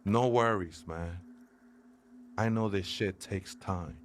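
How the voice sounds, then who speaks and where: A man's voice: deep voice, slow, slight background noise, pitched below the performer's own voice. A streamer voicing a spaced-out man who squats in a church and calls himself a seraph, drawling in slang. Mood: dreamy. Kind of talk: reading game dialogue aloud.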